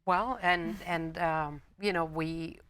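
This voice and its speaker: Female interviewer, somewhat low voice, conversational, tentative and halting phrasing. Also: steady tone, a bit bright, smooth. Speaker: interviewer and educator.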